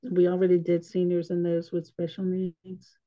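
A woman presents an informal online webinar over a video call, chatting and laughing at her own slip-ups. Her voice is on the low side, monotone, and moderately paced. The audio is dull and lo-fi.

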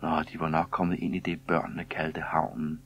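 A man reading a children's story aloud in a calm, even storytelling manner. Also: rumbling low, gravelly, husky. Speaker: narrator.

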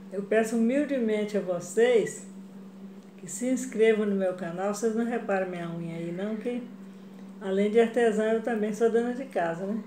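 A middle-aged woman from Brazil chats to her viewers while she works on a craft at her kitchen table, in an unhurried, easygoing way. Her voice is soft and warm in tone, and it bounces off the hard tiled walls of the kitchen, so the sound comes across roomy and echoey. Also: medium pitch, slight background noise. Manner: chatty, addresses viewers as "gente", frequent "né?" and "tá?". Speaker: craft vlogger. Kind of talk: casual craft tutorial chat.

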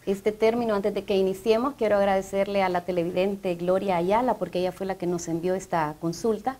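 A woman with a Honduran Spanish accent teaches grammar on a studio TV show. She explains each rule in a measured, patient way, like a language professor. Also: medium pitch, steady tone, darkish tone. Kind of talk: educational TV talk.

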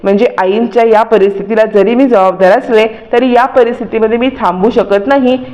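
Woman doing a young wife, earnest, resolved, fairly high voice, soap recap. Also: fairly even intonation, brisk, dark tone, highs cut off, lightly acted.

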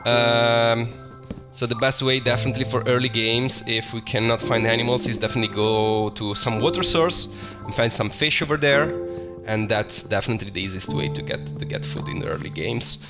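A young Italian man narrates his Minecraft let's play in a medium-pitched, slightly fast voice with an Italian accent. He chats casually and with real enthusiasm for the game, often restarting and correcting his phrases. Music plays behind him on slightly dull lo-fi audio.

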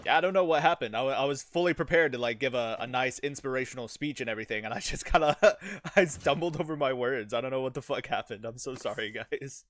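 A man's voice: mid-range voice, quick pace, few pauses, fairly bright tone. A man giving casual, informal gameplay commentary, sweary and self-deprecating. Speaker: YouTuber, game streamer.

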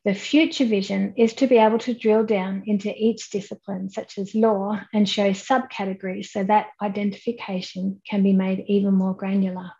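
Woman presenting, mellow dull-toned webcam audio. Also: medium pitch, little pitch movement. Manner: measured, explanatory, with frequent "um"s. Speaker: keynote speaker. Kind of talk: online conference presentation. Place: indoors at home, plain wall behind. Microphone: webcam at desk, head and shoulders framing.

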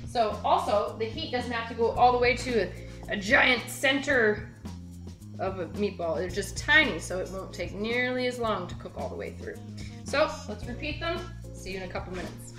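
A young woman hosting a home cooking show, talking casually and brightly straight to the viewer while she works in her kitchen. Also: a little high, moderate pace. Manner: chatty, upbeat, talks straight to the viewer. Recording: roomy kitchen with music behind.

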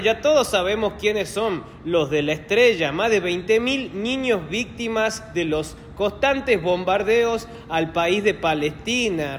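A man's voice: high voice, in a large hall, a little hiss or hum. A young man filming himself on a phone in an airport corridor, arguing insistently and repeating himself. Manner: insistent, repetitive, provocative. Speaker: vlogger. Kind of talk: confrontational street vlog. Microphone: phone held at arm's length.

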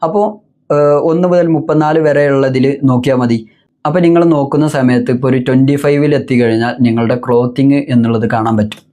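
A business consultant walks through a step-by-step tutorial in a warm, medium-pitched voice. As he explains, he keeps posing rhetorical questions to himself.

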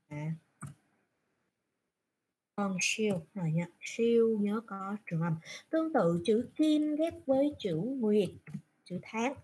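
A woman's voice: medium pitch, warm tone, slightly rough. A woman teaching Japanese in an online class, patiently asking questions and answering them herself. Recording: screen recording from a browser.

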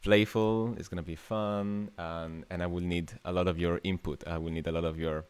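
With a low, level, darkish and smooth voice at a moderate pace, an Italian new media artist in his twenties chats with viewers during a casual livestream workshop. He speaks from a small indoor room with an Italian accent, sounding informal, hesitant and given to thinking out loud.

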